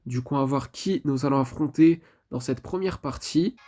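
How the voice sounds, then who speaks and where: A man's voice: mid-range voice, moderate pace, mellow. A man giving casual commentary over his mobile game match, chatty and leaning on filler phrases. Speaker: mobile game channel host.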